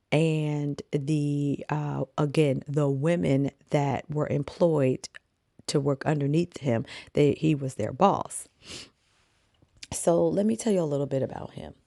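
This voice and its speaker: A woman hosting a commentary channel, talking through her opinions in a casual, animated way and checking in with "okay?". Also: low voice, creaky, no room sound, clean studio sound. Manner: animated, conversational, frequent "okay?" check-ins.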